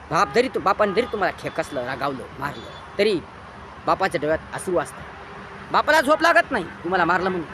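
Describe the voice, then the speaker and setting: A man with a Marathi accent giving an impassioned moral lecture, preachy and repetitive, swinging between loud emphatic bursts and quiet low lines. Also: noisy background. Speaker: motivational speaker.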